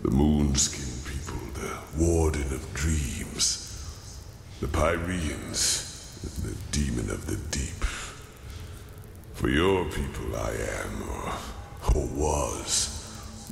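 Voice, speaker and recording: An actor playing an ancient, weary guardian entity in a fantasy game, gravelly and solemn, with archaic phrasing. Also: male voice, very deep voice, extremely slow, a little hiss or hum, full character voice. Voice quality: gravelly, creaky. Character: ancient, weary male guardian entity, neither god nor demon. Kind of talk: dramatic fantasy game acting. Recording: echoing voice over music.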